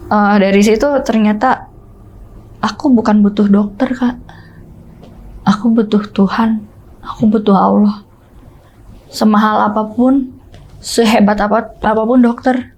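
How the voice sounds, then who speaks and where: A woman's voice: mid-range voice, little pitch movement, measured pace, pauses often, darkish tone, lo-fi sound. A woman guest in casual conversation, recounting a personal ordeal in an earnest, emotional way. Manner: earnest and emotional, with frequent fillers and restarts. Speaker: guest storyteller.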